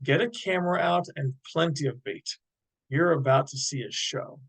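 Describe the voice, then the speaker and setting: A man reading a calm, eager superpowered son. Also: a little high, normal speed, slightly rough. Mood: reassuring. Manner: reassuring, coaxing.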